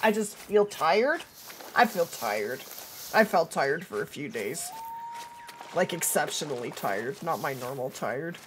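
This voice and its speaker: A deep, very animated voice, a little slow, comes through background noise as a thirties woman streams gameplay from her indoor setup. Her cold is straining her voice and she's losing it, but she keeps chatting casually with viewers and the game.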